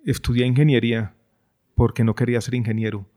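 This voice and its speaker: A middle-aged man, a guest in an interview, speaking in a thoughtful, measured way with frequent hesitations. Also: medium pitch, fairly even intonation, darkish tone. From Colombia. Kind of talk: reflective conversation.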